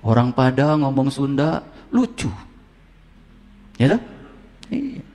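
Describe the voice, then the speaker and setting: A male preacher giving a humorous sermon, joking and quizzing his audience with questions. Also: takes it slowly. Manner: lively, rising to high emphatic pitch. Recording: long hall reverb.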